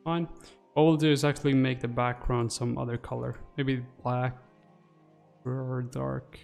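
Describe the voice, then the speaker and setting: Close on a desk mic in a small indoor room, a livestream host in his 20s mutters to himself as he works through a casual stream. He speaks at a measured pace in a medium-pitched, creaky, darkish voice with little pitch movement, and faint music plays behind him.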